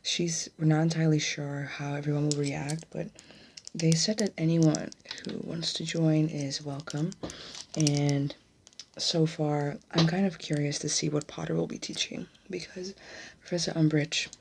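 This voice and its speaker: Woman doing ASMR role-play as a gossipy witch schoolgirl, telling secrets all hushed, low and flat, noticeable noise behind. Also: unhurried, creaky. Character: gossipy, bookish young witch student at a magic school.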